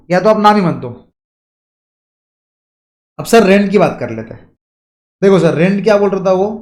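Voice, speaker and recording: High-voiced male exam tutor. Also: a little mellow, echoey room. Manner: explains step by step, repeats key lines, asks students questions; reads English lines slowly and stretched out. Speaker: teacher. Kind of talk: exam coaching lecture.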